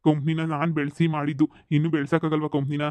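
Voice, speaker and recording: A man's voice: on the high side, flat delivery, fast talker, a little mellow, no echo, lightly acted. A man voicing a weary, regretful cartoon father. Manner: weary, regretful, speaks of lying down to rest. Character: ailing middle-aged father, cheated businessman. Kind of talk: cartoon voice acting.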